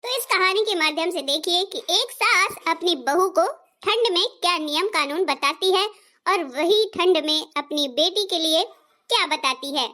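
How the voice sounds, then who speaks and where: Slow, high-voiced woman narrator. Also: sharp tone. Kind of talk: comedy skit introduction.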